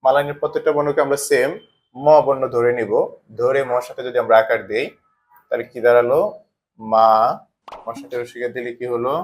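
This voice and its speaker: A man's voice: mid-range voice, level tone, quick pace. A man teaching a language lesson, explaining step by step and asking questions that he answers himself. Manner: asks questions and answers them himself, repeats patterns.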